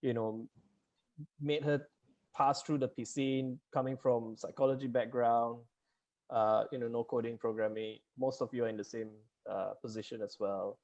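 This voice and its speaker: His voice is medium in pitch, steady and darkish, moving at normal speed. He's hosting a students' online townhall on a video call with muffled sound, rambling chattily, laughing a lot and using plenty of fillers.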